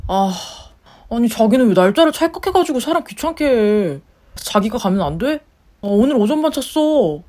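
A woman's voice: a little high, very animated, normal speed, warm tone. A woman voicing a whiny, jobless young husband in a story-radio drama, grumbling and sulking. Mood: sulky. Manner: grumbling, sulky complaints.

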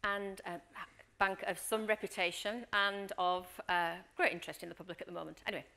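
Gravelly and mid-range, her voice moves along fairly quickly. She's a middle-aged workshop trainer and leadership coach who tells stories vividly, plays out the scenes herself, and frequently checks in with listeners by saying "Okay?"

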